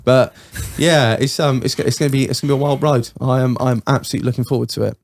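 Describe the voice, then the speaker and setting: A man's voice: mid-range voice, steady tone, fast talker, gravelly, a little mellow. A man, hosting a casual podcast chat, enthusiastic, swearing freely and laughing often. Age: 20s. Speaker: podcast host. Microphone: studio microphone.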